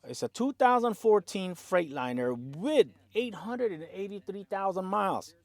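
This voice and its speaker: A man who drives his own truck, talking casually and excitably through auction prices, often saying "man" and chuckling. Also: sits high, normal speed, no echo. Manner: animated, excitable, peppers talk with "man" and chuckles. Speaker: owner-operator truck driver.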